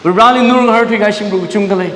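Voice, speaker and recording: A man's voice: sits high, steady tone, rapid-fire, fairly bright tone. A man preaching a sermon in a church, dropping English words into his talk. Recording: echoey church hall, mic at a distance.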